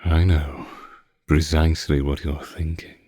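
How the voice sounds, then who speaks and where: In an intimate ASMR roleplay, a man plays a seductive, possessive vampire who teases his captive with condescending tenderness, purring slowly. His voice is very deep, level and mellow, and the mood is predatory and teasing.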